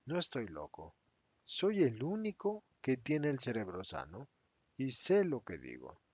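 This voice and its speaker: A man's voice: mid-range voice, wildly swooping pitch, measured pace, a little mellow, slightly rough, no room sound, exaggerated voice. A man voicing Judas, a resentful and defensive adult apostle who protests in a raised, agitated voice. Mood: indignant. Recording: dry, slightly dull recording.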